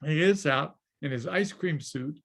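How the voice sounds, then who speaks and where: Chuckling older man with a gravelly voice. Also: fairly high pitch, measured pace. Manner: lively, chuckling, acts out the people he quotes. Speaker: guest, former studio story editor and screenwriter. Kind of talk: anecdotal storytelling in an interview. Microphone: video call.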